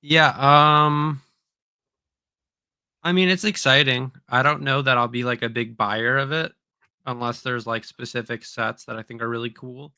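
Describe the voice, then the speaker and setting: A man's voice: mid-range voice, fairly even intonation, measured pace, pushed and bright, smooth, no room sound, studio quality. A young man co-hosting a casual livestream podcast, talking hesitantly with many ums and likes. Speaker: podcast co-host. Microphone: streaming mic.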